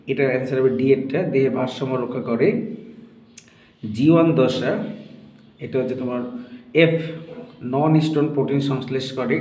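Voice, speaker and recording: A man's voice: mid-range voice, dark tone. A male tutor solving a science test paper for students, explaining each answer step by step and often checking that they follow. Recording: echoey room.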